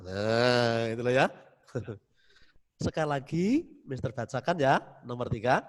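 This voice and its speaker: A man's voice: medium pitch, takes it slowly. A male religion teacher giving an online class to young pupils over a video call, patient and soothing, dictating and repeating "ya" often. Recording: roomy, long reverb.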